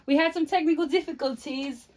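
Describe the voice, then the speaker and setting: A young woman chatting casually with her sister while doing her makeup, talkative and quick to laugh. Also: high-pitched, steady tone, a little mellow, a little hiss or hum. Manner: giggly, chatty, breaks into laughter often. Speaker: co-host, sister. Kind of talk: casual get-ready-with-us chat.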